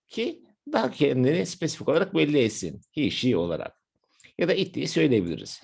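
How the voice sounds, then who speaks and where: Turkish male language teacher, a bit of fry in the voice, slows down for his examples. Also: medium pitch, darkish tone. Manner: explains step by step, slows down for example phrases. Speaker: English teacher. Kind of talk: language lesson narration.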